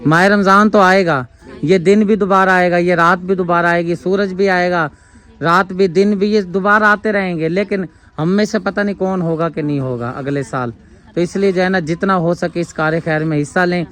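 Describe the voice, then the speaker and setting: A man's voice: sits high, fairly even intonation, fairly bright tone. A man vlogging a charity handout, speaking casually and earnestly with frequent blessings and fervent appeals. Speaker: charity vlogger handing out food aid. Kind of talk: casual vlog narration with prayers and appeals.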